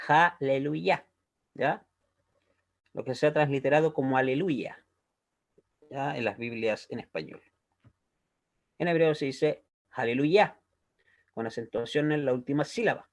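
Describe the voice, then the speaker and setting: A Hebrew teacher gives a recorded language lesson, explaining things patiently step by step and checking understanding with a frequent "¿ya?". His voice is mid-range and darkish, and he talks fairly quickly.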